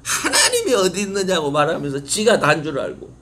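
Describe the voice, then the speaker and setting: A man's voice: on the high side, huge pitch swings, brisk, fairly bright tone, slight background noise. A male pastor preaching an impassioned sermon, putting rhetorical questions to his congregation. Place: church sanctuary.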